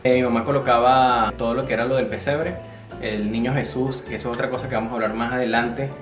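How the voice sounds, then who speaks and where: A Venezuelan man with a Venezuelan Spanish accent, chatting casually as a vlogger in a relaxed, rambling way. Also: medium pitch, fast, echoey room, over music. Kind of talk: casual chat.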